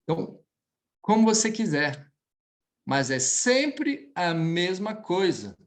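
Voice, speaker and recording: A man with a Brazilian accent teaching French, stretching out each model phrase slowly before explaining it quickly. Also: sits high, very animated. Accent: Brazilian Portuguese. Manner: slow, drawn-out model pronunciation between quick explanations. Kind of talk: online language lesson.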